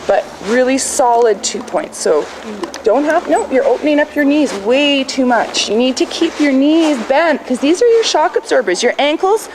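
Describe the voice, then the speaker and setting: A woman coaching a horse riding lesson, projecting brisk commands and corrections with short explanations. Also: high voice, expressive. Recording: clearly noisy riding-lesson ambience.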